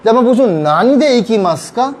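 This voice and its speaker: A man with an Urdu accent teaching Japanese grammar, patiently repeating example phrases slowly. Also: very high voice, expressive, a little mellow. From Pakistan. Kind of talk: explaining grammar in a recorded lesson.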